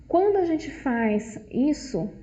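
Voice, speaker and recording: A woman's voice: high voice, sing-song, takes it slowly, mellow, a little hiss or hum. A woman presenting a book study to a group, explaining at length and tagging her sentences with questions. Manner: explanatory, frequent "né" tags. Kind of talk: informal book study talk. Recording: dull lo-fi, roomy echo.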